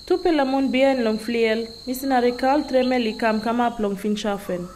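A woman's voice: a little high, normal speed, darkish tone. A woman reading scripted documentary narration. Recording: clear background noise with insects.

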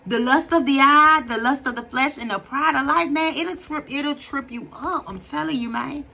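Speaking to viewers from her brightly lit home, a woman in her thirties shares casual devotional encouragement on her faith vlog, filmed close on a phone camera. Her earnest, preachy talk is conversational and full of restarts. The voice is high-pitched, gravelly and sharp, at a normal speed.

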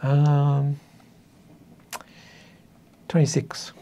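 An author in his fifties from northern coastal New South Wales, Australia, is the guest in a casual, reflective chat in a small indoor meeting room. His slightly high, warm voice is monotone and extremely slow, and he speaks hesitantly and thoughtfully with a self-deprecating manner. The recording has a little hiss or hum.

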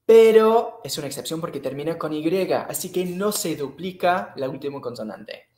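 A man's voice: a little high, expressive, normal speed, darkish tone, echoey room. A man teaching English in a live online class, patiently repeating and checking in with the students. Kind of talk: live-streamed online lesson.

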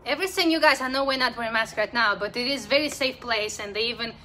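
Woman, 30s, enthusiastic host, bright tone, phone camera, faint ambience. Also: a little high, fast talker, a little hiss or hum. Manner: enthusiastic, complimentary. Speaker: interviewer and host. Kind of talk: live video interview. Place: barbershop and outdoor walkway. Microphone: handheld phone camera.

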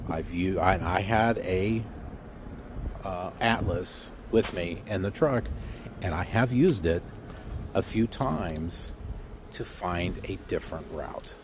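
Low-pitched and slow, this man's voice carries over a noisy background. He's a middle-aged trucking vlogger filming himself by a block wall outside, phone at arm's length, delivering a sarcastic, filler-heavy rant.

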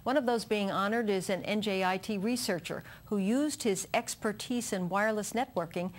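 A woman's voice: medium pitch, normal speed. A middle-aged American woman reading scripted news as an anchor in a TV studio.

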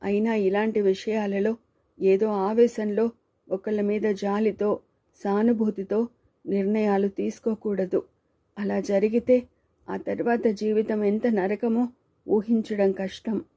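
A quiet, self-blaming man who pleads in a low, subdued voice, as a woman reads him for a storybook. The tone is very dark and mellow and stays flat, with little rise and fall. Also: takes it slowly. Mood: earnest.

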